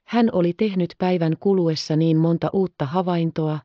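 A woman narrating a children's audiobook in a measured storytelling manner. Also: fairly low pitch, steady tone, no echo, highs cut off.

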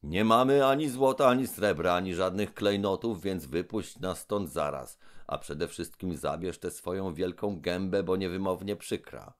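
A man voicing a brash, irritable male robot constructor in an audiobook, loud and scolding. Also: deep voice, normal speed, hardly any pauses, voice pushed up, close to an everyday voice. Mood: indignant. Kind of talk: audiobook character voice.

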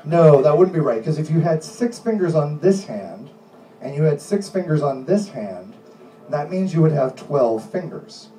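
A middle-aged man hosting a comedy hypnosis show, giving commanding, repetitive suggestions in deliberate phrases. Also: fairly high pitch, expressive, warm tone, far from the mic. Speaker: stage hypnotist and host. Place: small indoor comedy club stage. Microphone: handheld microphone through PA, distant camera. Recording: echoey club PA recorded from audience, music.

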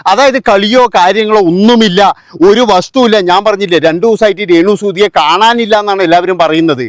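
Scornful high-voiced man mocking. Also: fairly quick, no room sound, clean studio sound. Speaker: vlogger. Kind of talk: sarcastic commentary vlog.

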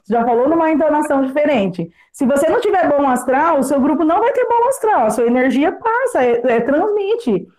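A woman's voice: high voice, sing-song, fairly quick, hardly any pauses, a little mellow. Chatty upbeat Brazilian woman on a call. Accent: Brazilian Portuguese. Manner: chatty, upbeat, laughs often, frank. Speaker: guest speaker, sales consultant. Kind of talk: casual online training talk.

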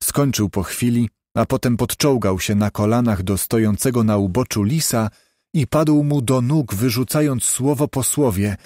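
Guy narrating an audiobook, steady even reading, dry sound. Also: medium pitch, moderate pace, no echo. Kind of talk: scripted narration.

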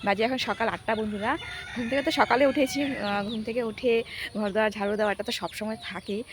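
A woman's voice: medium pitch, fairly even intonation, quick pace, background noise. A young woman chatting to her viewers as she shows her household chores in a village home, filming on a phone. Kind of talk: casual vlog talk to viewers. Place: village home, partly outdoors.

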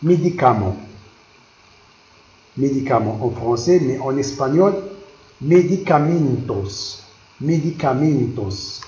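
A man teaching a vocabulary lesson, repeating each word slowly and explaining it, moving between languages. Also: medium pitch, a little mellow, reverberant, lo-fi sound.

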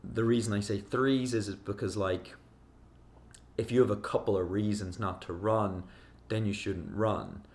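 A man in his thirties with an Irish accent, hoarse and nasal from a cold, talking casually in a vlog with fillers. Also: on the low side, steady tone, moderate pace. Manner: conversational, rambling with fillers. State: hoarse, losing voice, congested. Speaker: runner vlogger.

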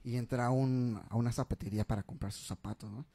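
A comedy radio co-host telling a joke in a casual voice at an everyday pitch. The speaker keeps stumbling over words and restarting on the way to the punchline. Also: steady tone, quick pace, creaky, mellow. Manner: stammering restarts before the punchline. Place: radio studio.

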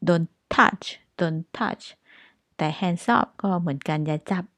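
Slow, deliberate Thai woman teacher. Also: fairly low pitch, steady tone, fairly bright tone, no room sound. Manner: reads example sentences very slowly and clearly, twice. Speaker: English teacher. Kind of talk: slow English lesson with Thai explanations.

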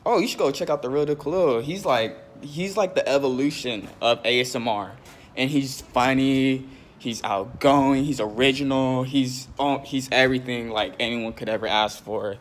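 A young adult man, a comedy video creator, chats in a slangy, mock-indignant way for a parody FaceTime call at home. His voice is medium in pitch at a normal speed. The phone is held at arm's length, so the recording is noisy with room ambience.

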